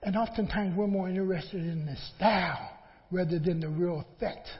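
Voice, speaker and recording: A man's voice: high voice, moderate pace. A man preaching a sermon in a lecturing, admonishing manner, repeating phrases and asking rhetorical questions. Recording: muffled, in a large reverberant hall.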